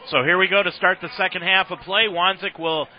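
Calling football play-by-play on the radio, an American man speaks fairly quickly in a high-pitched voice with fairly even intonation, in a sportscaster's commentary style, over slightly dull broadcast sound.

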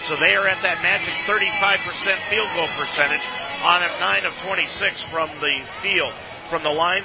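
A man's voice: on the high side, lo-fi sound. A man giving halftime basketball commentary as a sports broadcaster.

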